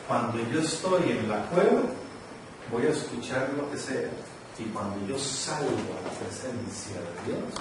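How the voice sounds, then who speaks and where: Predicador con eco de iglesia lejana. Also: male voice, medium pitch. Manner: questions the congregation, swings from loud to hushed. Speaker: preacher. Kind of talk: sermon. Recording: echoey church from far off, noisy.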